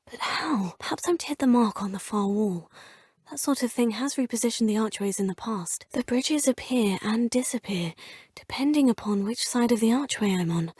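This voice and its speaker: A woman plays an earnest, curious young student witch as the player character in video game voice lines, speaking politely and formally. Her voice is slightly high, somewhat mellow and husky. The recording is clean studio audio with no room sound.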